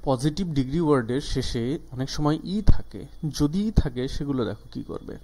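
A man, a native Bengali speaker, teaching an English grammar lesson, with frequent "ah" fillers as he slows down and stretches out the English examples. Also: mid-range voice, expressive, a little mellow.

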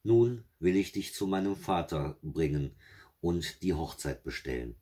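A man doing a calm young fairy-tale hero. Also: low voice, measured pace, slightly rough, full character voice. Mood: resolute.

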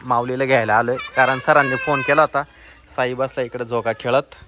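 A man's voice: medium pitch, fairly even intonation, brisk, noisy background. A man, casually vlogging as he picks up a child from school, coaxing and scolding with many short repeated questions. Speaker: vlogger, parent picking up a child. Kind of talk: casual spoken vlog. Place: school classroom.

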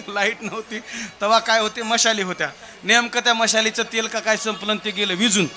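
Give me a male devotional preacher with a high voice telling a comic story to his listeners, with instrumental music playing. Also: steady tone, brisk, bright, forceful tone. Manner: addresses listeners as Maharaj, quizzes the crowd. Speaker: kirtan preacher. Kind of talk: humorous devotional storytelling sermon. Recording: live event with instrumental music.

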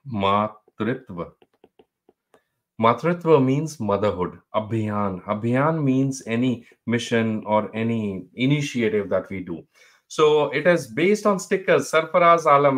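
A middle-aged North Indian man teaches an online class at a quick pace. He switches between English and Hindi, repeats key phrases, and encourages his students by name. His pitch sits in an ordinary male range. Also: a bit bright. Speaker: medical exam teacher. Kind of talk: live online exam-review lecture, mixing English and Hindi.

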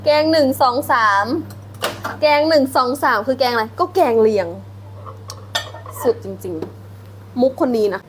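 A woman's voice: a little high, animated, measured pace, long pauses, a little hiss or hum. A young woman hosting a casual live stream, giggling, teasing and thanking her viewers, slipping English phrases into her talk. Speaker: live-stream host eating on camera.

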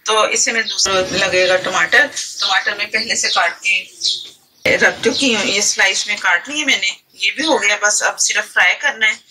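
Her voice mid-range, bright and forceful at a normal pace, a woman from Pakistan hosts a chatty cooking demo at home, talking through every step and often starting sentences over. The audio is poor, with a little hiss or hum and obvious kitchen clatter of pots, pans and clicks.

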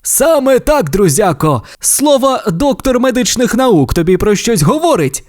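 A cheerful tow truck who loves bragging about his heroics, put on by a male storyteller. The voice sits high and bounces all over. Each line comes out proud and self-satisfied, like an audio storybook character. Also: sing-song, measured pace, darkish tone, full character voice. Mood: boastful. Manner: proud, boastful tall-tale teller.

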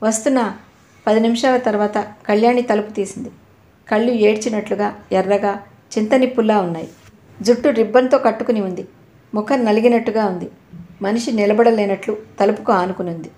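A woman narrating a novel in a steady storytelling manner. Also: mid-range voice, a little fast. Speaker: audiobook narrator. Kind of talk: novel reading. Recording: roomy echo.

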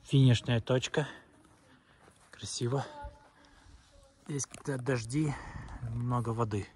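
A man in his thirties narrates a family hike into a camera held at arm's length, chatty and easygoing. His voice sits at an ordinary pitch. Wind and clear outdoor noise run behind him. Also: steady tone, slow, a little mellow. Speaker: family vlogger. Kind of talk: casual hiking vlog. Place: outdoors in a windy desert canyon.

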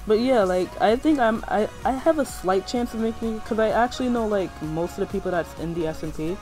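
Young male gaming host, higher-pitched, slangy and boastful rambling commentary over clearly audible music. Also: fairly quick, poor audio. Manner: rambling, slangy, self-hyping. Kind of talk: casual gameplay commentary.

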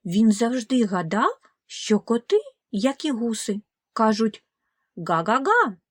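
A woman narrating a children's audiobook fairy tale in a slow, gentle, expressive way. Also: a little high, no room sound, studio quality. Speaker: storyteller.

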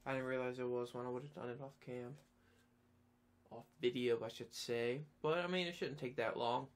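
A man's voice: medium pitch, fairly even intonation, moderate pace. A man hosting his own gameplay series, chatting casually with sarcastic asides. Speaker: gaming channel host. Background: game music.

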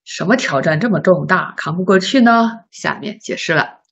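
A woman teaching a beginner English lesson, patiently asking learners questions and sounding out words slowly. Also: fairly low pitch, lively intonation, creaky, slightly rough. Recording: slightly dull lo-fi recording.

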